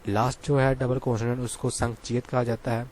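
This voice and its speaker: Male tutor, mid pitch, patient and repetitive, quizzing style, faint room noise. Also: little pitch movement, a little mellow. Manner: patient, repeats key points and quizzes listeners. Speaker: Korean language teacher. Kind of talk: explaining lesson.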